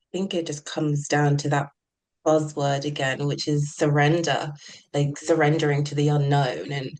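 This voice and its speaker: A woman hypnotherapist answering interview questions in a calm, flowing, gently spiritual way. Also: low-pitched, normal speed, poor audio. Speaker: hypnotherapist guest. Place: remote call.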